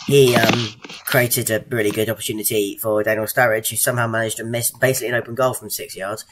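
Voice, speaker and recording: A man co-hosting a casual football podcast, measured and hesitant, with plenty of fillers. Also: fairly low pitch, level tone, fairly bright tone. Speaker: podcast co-host.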